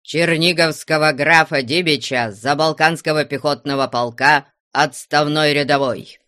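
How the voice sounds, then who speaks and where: A man playing a gruff old retired soldier. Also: fairly high pitch, steady tone, a little slow, dry recording, studio quality. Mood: deferential. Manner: curt and grumbling, warms up over vodka.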